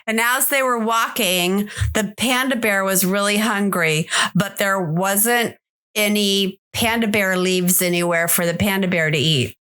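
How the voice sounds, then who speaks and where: A woman's voice: mid-range voice, a little slow, a bit bright, smooth. A woman hosting a podcast, chatting casually and rambling with many fillers. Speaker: podcast host. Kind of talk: casual chat.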